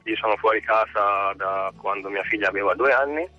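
A middle-aged man calling in over the phone from his parked car, speaking in a halting, hesitant way. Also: fairly low pitch, dry recording, soft background music. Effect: heard over the phone. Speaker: caller. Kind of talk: call-in radio chat. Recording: dull lo-fi phone line.

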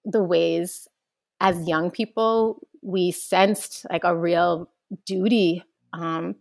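Young woman guest, earnest and reflective, slightly low voice, dry close mic. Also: extremely slow, creaky, no echo. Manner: earnest, flowing, animated when recounting childhood. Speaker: guest, organizer. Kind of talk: reflective interview answer.

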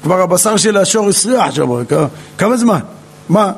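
Gravelly, husky rabbi teaching a lesson. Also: male voice, high voice. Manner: animated, dramatizes quotes with humorous asides. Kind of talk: Torah lesson, storytelling.

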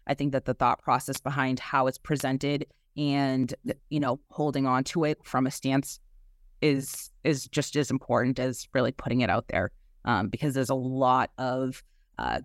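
A woman's voice: rumbling low, dry recording. A woman with a Boston accent speaks as an interview guest in a dry, close recording. She talks conversationally and makes her points with emphasis, often checking in with a short questioning tag at the end. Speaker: interview guest, human resources executive.

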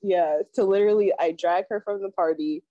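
A woman's voice: fairly low pitch, a little fast, dry recording. A young woman hosting a casual chat podcast, telling a story and acting out what people said. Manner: animated storyteller, acts out quotes. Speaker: podcast co-host. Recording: dull lo-fi sound.

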